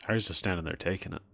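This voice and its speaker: A man with a low, gravelly voice and a bright, forceful tone gives casual commentary as a let's play host. He's laid-back, chuckles often, and swears casually, with faint game music playing behind him.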